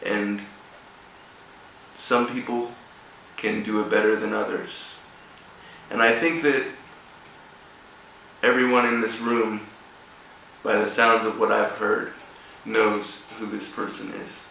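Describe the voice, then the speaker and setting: A man with a fairly low, gravelly voice speaks from a distance in a very reverberant room. He delivers an informal speech in halting, broken phrases. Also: level tone, pushed and bright. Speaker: guest speaker at a rugby club event. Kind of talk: informal motivational speech with personal story. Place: echoey room, speaking before an audience. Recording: echoey room, distant mic, faint noise.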